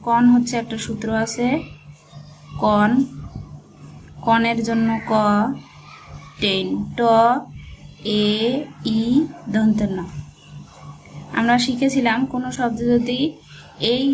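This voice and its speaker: A woman teaching a shorthand lesson, spelling each word slowly letter by letter as she writes. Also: on the high side, noisy background. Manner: slow, spells words letter by letter. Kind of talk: step-by-step dictation lesson.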